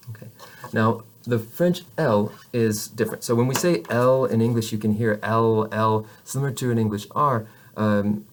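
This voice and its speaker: A man teaching French pronunciation to camera, patiently showing each sound slowly with frequent restarts. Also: lowish voice. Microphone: camera facing the speaker.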